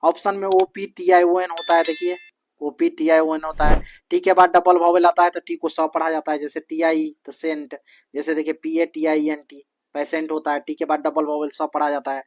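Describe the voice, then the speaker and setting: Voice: medium pitch, flat delivery, moderate pace, dry recording. A coaching teacher lecturing on spelling, spelling words out letter by letter, repeating them and asking rhetorical questions. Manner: repetitive, drilling tone.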